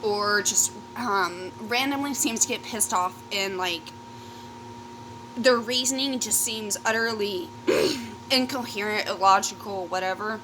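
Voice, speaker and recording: Over a noisy background, a woman YouTube vlogger tells a rambling, sweary storytime while eating, often interrupting herself and trailing off in casual chat. Her voice is medium-pitched and a little slow.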